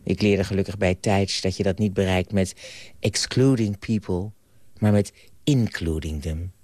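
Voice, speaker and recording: A man reading a children's story aloud on the radio, with an animated, playful delivery, then reflecting on it. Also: deep voice, unhurried, no room sound. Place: radio studio.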